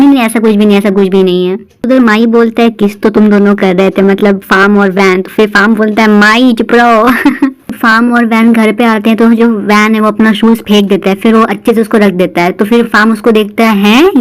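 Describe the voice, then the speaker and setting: A woman's voice: on the high side, low-quality recording. A woman casually retelling a drama episode, voicing each character's lines in quotes. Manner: retells each scene in quoted lines, plain conversational delivery. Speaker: drama recap narrator. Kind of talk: casual storytelling recap.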